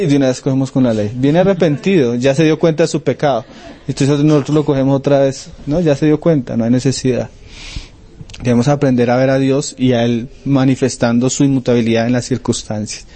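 Conversational male preacher, mellow voice. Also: medium pitch. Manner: conversational, asks frequent checking questions. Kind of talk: sermon teaching.

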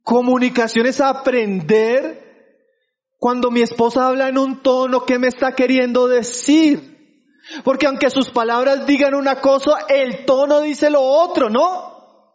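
Pastor, male, very high voice; sermon with rhetorical questions to the congregation, muffled recording. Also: flat delivery, unhurried. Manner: keeps asking the congregation for agreement; addresses listeners as brothers.

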